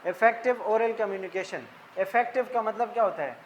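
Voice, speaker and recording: A male tutor with a high-pitched voice talks through lecture slides. He explains each term in plain, simple words and keeps checking in with his listeners. There is a faint hiss of noise behind him. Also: a little fast, low-quality recording. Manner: explains terms in simple words, repeats "ठीक है".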